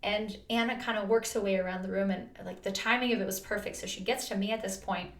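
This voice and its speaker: A woman's voice: medium pitch, steady tone, fast. Woman vlogger, mid-range voice, earnest chatty storytelling, echoey room. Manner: earnest, chatty, full of "like" and restarts. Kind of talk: personal storytelling. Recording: roomy echo.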